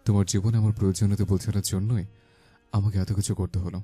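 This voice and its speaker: A man voicing a confident young husband who speaks softly and intimately in a romantic audio story. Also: on the low side, little pitch movement, fast, husky, faint music behind. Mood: tender, teasing.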